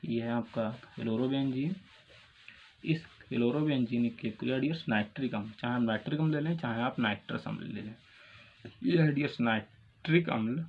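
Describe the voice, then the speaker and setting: A man's voice: medium pitch, a little hiss or hum. Man teaching a chemistry lecture. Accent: Hindi-speaking North Indian. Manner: repeats questions and answers, calls students "dears". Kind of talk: classroom lecture. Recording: dull lo-fi sound with faint ambience.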